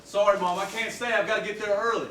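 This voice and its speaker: A man acting a chipper, hurried young man in a community theatre play, recorded from far off on stage. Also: high-pitched, fairly bright tone, slight background noise. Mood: cheerful, hurried. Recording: distant echoey stage recording, faint music.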